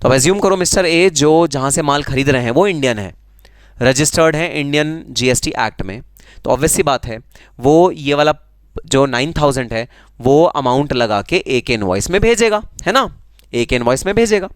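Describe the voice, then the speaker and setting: A man's voice: on the high side, lively intonation, moderate pace, clean tone, no echo. A man with an Indian accent teaching a live online tax class, teasing students and answering their comments in a conversational way. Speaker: GST teacher.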